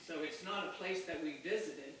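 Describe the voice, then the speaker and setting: A woman's voice: low voice, moderate pace, fairly bright tone. An older woman showing visitors around her own home in casual, explanatory chat. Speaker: homeowner showing her house. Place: inside a house, away from mic. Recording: very echoey, distant mic, noisy room.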